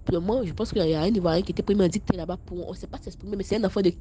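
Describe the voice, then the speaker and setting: A young woman with an Ivorian French accent, talking straight to her viewers in a casual storytime vlog, animated and stammering, scolding one moment and telling her story the next. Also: lowish voice, very fast, a little hiss or hum. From Ivory Coast.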